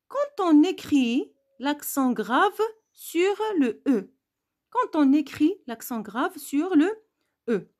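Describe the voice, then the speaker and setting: A woman with a somewhat high voice gives a grammar lesson. She talks at an unhurried, deliberate pace and says sounds and words twice so learners can follow. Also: darkish tone. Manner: slow, repeats words and letters to stress pronunciation. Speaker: French teacher.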